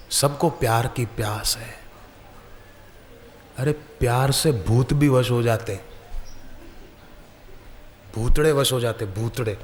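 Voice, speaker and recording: A man giving a devotional sermon, telling lively stories and acting out their voices. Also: medium pitch. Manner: animated storyteller, acts out voices. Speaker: spiritual preacher. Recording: echoey hall, faint background noise.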